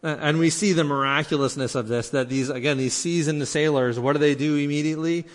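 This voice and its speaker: A man's voice: fairly high pitch, steady tone, brisk. Man, preacher, sermon, earnest, restarts words, reverberant hall. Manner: earnest, acts out quoted speech, many restarts.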